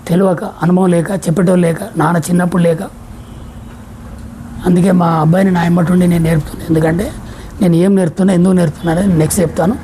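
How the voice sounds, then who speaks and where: Telangana lady talking fast at a sales seminar, soft dark voice, lots of rhetorical questions. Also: lowish voice, slight background noise, rough recording. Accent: Telangana Telugu. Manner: fires rhetorical questions and acts out little dialogues. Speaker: motivational seminar speaker. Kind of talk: motivational sales seminar talk.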